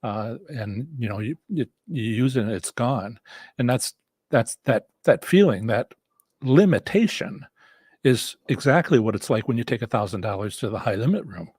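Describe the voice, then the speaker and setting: A husky, slightly rough, middle-pitched male voice, a bit worn from so much talking, belongs to a live-stream host teaching slots strategy. He teaches casually with lively intonation and a darkish tone, halting, rambling, and restarting phrases. The recording is dry and close, with little room sound.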